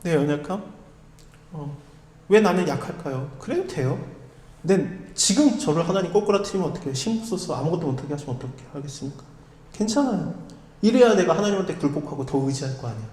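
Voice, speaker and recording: Animated male pastor in an echoey hall. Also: a little high, fast. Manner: conversational, asks the listeners rhetorical questions. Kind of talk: expository sermon. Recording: echoey hall with long reverb.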